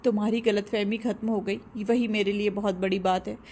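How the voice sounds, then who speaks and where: A woman's voice: medium pitch, steady tone, normal speed, a little mellow, a little hiss or hum, natural voice. A woman voicing a mother who scolds and teases her daughter. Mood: stern. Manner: scolding, bantering. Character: stern teasing mother.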